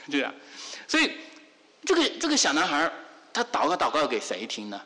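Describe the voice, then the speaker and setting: A man preaching a sermon, animated, asking rhetorical questions again and again. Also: fairly high pitch, moderate pace, vocal fry, big-room sound.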